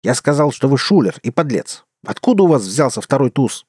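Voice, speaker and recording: A man voicing a brash, hot-headed young man who shouts indignantly in an audiobook. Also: medium pitch, sing-song, fairly quick, slightly rough, no room sound, clean studio sound, pitched above the performer's own voice. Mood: furious. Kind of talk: audiobook character voice.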